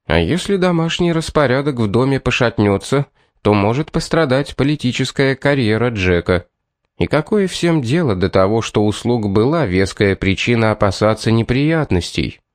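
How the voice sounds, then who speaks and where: A man narrating an audiobook as a reader, with an even, steady delivery. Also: lowish voice, no echo, clean studio sound. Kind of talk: scripted narration.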